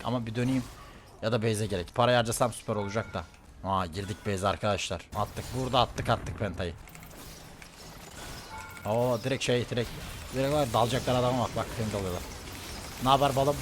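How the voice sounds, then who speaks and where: A male streamer giving live, excitable commentary on his own gameplay, often shouting and repeating words in quick bursts. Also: medium pitch, background noise.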